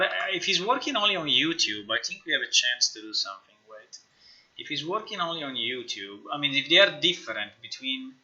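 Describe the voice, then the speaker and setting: A man with a mid-range, pushed and bright voice thinks aloud casually on a live stream while working at a computer indoors. His first language isn't English, and he mutters to himself, repeats himself and swears along the way. The audio has a lo-fi quality.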